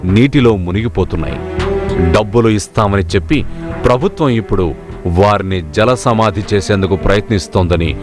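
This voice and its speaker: A man narrating a scripted television news report in a measured, accusatory tone. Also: fairly low pitch. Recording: narration over loud background music.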